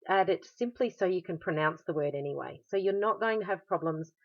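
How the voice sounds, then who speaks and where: Low-voiced Australian teacher explaining grammar. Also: female voice, fairly quick, muffled recording. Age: adult. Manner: patient, explanatory, with frequent "um" fillers. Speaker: German teacher. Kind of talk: recorded classroom explanation.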